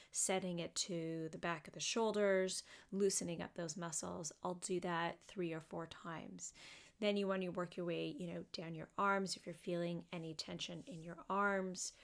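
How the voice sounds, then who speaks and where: Leading a body scan meditation, a female therapist speaks in a gentle, unhurried way, her fairly low voice showing vocal fry and frequent fillers.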